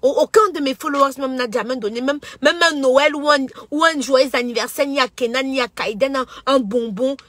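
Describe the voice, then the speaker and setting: Cameroonian woman in her thirties, high-pitched and sharp, preachy social media rant, dry close sound. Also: moderate pace, few pauses, dry recording. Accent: Cameroonian French. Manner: impassioned, preachy, stumbles and repeats words. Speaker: social media personality and entrepreneur. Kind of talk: emotional direct-to-camera social media monologue.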